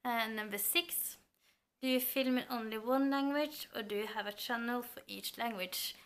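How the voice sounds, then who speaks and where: A Norwegian woman in her thirties chats casually to camera about books from a home room lined with bookshelves, recorded close up by the camera. Her voice is a little high, a bit bright, clear and resonant, at a normal speed. As a book vlogger she comes across thoughtful and slightly hesitant.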